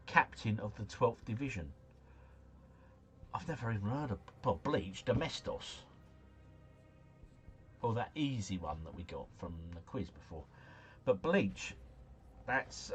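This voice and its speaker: A livestream host with a lowish voice, recorded with a little hiss or hum, plays a quiz game while joking around with viewers. He reads their chat messages aloud and mumbles and stumbles over foreign names.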